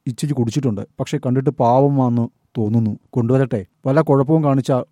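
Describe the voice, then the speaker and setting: A man's voice: mid-range voice, steady tone, fast, dark tone, no room sound, clean studio sound, lightly acted. A man voicing a plain-spoken auto-rickshaw driver.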